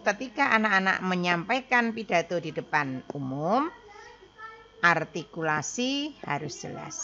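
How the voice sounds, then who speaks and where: A woman teacher from Indonesia takes her pupils through a lesson, patient and methodical. Her voice is slow and bright, sitting a little low, and the recording is dull and lo-fi. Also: a little hiss or hum. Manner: addresses pupils as children, explains step by step.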